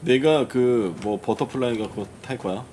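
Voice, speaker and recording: A man's voice: medium pitch, rapid-fire, warm tone, a little hiss or hum. A man doing casual game commentary, playfully grumbling and talking back to the game. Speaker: gaming streamer playing and reacting.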